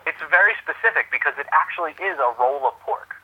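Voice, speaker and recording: A man's voice: a little high, lively intonation, fast talker, breathy edge, no room sound, dull audio. A man chatting casually as an opinionated interview guest. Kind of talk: casual chat.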